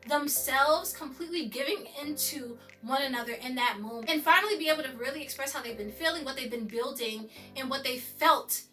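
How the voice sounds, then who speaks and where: A woman with a high, bright voice gushes through a casual episode recap, full of slang and asides to her viewers. She sounds a little away from the mic, with faint music playing underneath. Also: fairly quick, hardly any pauses, far from the mic. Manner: excited, chatty, slangy, addresses viewers as y'all.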